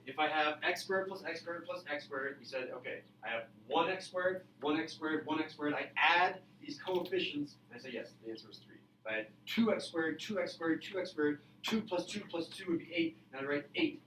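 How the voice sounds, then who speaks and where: A man's voice: on the high side, normal speed, hardly any pauses, fairly bright tone. Male math teacher, classroom lecture, asks questions and calls on students, faint room hum.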